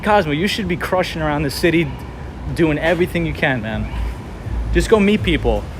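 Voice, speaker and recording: A man in his twenties from New York City livestreams while walking a city street at night, chatting casually and encouragingly with viewers and calling them by name. His voice is a little high and fairly quick, animated over outdoor traffic noise.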